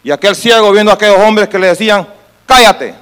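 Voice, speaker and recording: High-voiced preacher telling a sermon story. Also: male voice, fairly even intonation, very fast, a bit bright, clean tone, poor audio. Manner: storytelling, repeats phrases, rises to fervent calls.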